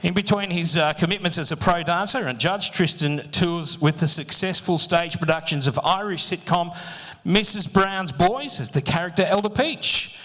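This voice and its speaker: A man's voice: sits high, normal speed, pushed and bright. A man acting as MC at a live dance event, reading introductions with jokey asides to the audience. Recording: echoey hall sound.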